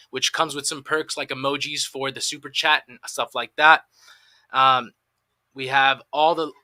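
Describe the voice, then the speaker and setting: A man's voice: mid-range voice, pushed and bright, no echo. Upbeat man hosting a live podcast. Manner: promotional, upbeat announcer delivery. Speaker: podcast co-host.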